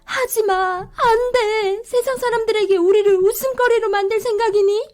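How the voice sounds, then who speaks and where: A woman voicing a flustered, tearful mother in a children's story, with a shrill, pleading manner. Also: flat delivery, moderate pace, warm tone. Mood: scolding. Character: flustered mother, suddenly tiny, tearful and indignant. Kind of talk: storybook voice acting.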